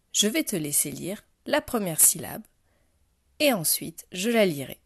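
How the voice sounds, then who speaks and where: Woman, primary teacher, slow patient delivery, dry close recording. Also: mid-range voice, no room sound. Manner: slow, patient, addressing the child directly. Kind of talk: phonics lesson to a young child.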